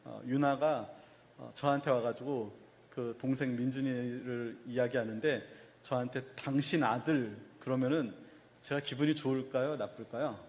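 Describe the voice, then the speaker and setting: A man, a pastor, preaching a sermon. He asks the congregation questions and answers them himself, and gently acts out a father's words to his son. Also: mid-range voice, steady tone, moderate pace, in a large hall. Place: church sanctuary.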